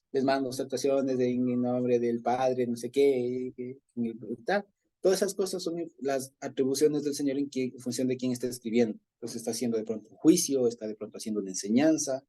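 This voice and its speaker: A man with an Ecuadorian accent leads a relaxed Bible study, talking through his points in an easy, conversational way and often breaking into chuckles. His voice is mellow and slightly husky, in a middle pitch. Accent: Ecuadorian Spanish. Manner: conversational, chuckles often, frequent "¿ya?" check-ins. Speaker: Bible teacher. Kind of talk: informal Bible study teaching.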